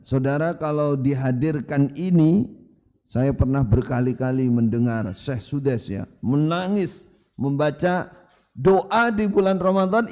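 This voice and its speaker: A man's voice: mid-range voice, darkish tone. A male preacher, giving a sermon in an emphatic storytelling manner. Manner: emphatic, storytelling with rising and falling delivery.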